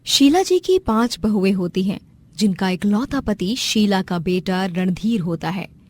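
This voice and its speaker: A woman narrating a cartoon storybook. She tells the story in a steady, explanatory way. Her voice is mid-pitched and even. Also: a little slow.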